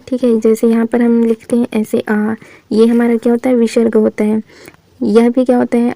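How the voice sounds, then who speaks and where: A woman teaching Hindi grammar in a classroom style, asking questions and answering them herself and sounding out vowels slowly for the listener. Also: on the high side, gravelly, mellow, dry recording. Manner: asks the class questions then answers them, says "thik hai" often.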